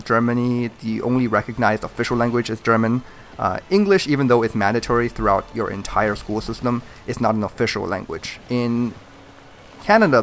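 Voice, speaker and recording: Gravelly low-voiced man chatting casually. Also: fairly bright tone, a little hiss or hum. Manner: rambling, chatty, with frequent fillers and chuckles. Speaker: gaming channel host. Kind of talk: casual chat over gameplay.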